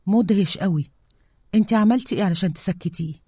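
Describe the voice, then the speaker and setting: A woman's voice: medium pitch, quick pace, mellow, breathy edge, dry recording, studio quality, natural voice. A woman voicing a composed male team leader who speaks in a reassuring way.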